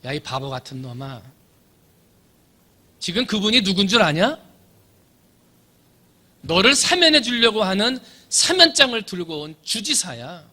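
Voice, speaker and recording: A man voicing a gruff male prison guard who berates a foolish young inmate, acted out inside a sermon. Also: high voice, very animated, unhurried, long pauses, pushed and bright, voice pushed up, heavily acted. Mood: scolding. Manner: scolding, berating.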